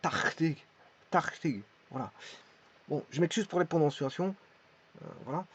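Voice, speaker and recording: A man teaches in a halting way, stopping often and repeating each word as he demonstrates how it sounds. His voice sits somewhat high for a man, and the recording is dull and lo-fi. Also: lively intonation, slightly rough. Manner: hesitant, repeats words while demonstrating pronunciation. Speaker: language teacher. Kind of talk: hesitant spoken lesson.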